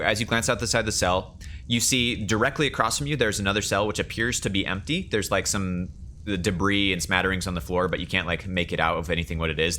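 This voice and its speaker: Low-voiced man narrating as game master. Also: bright, forceful tone, a little hiss or hum. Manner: halting, casual, repeats phrases while improvising. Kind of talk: improvised tabletop game narration.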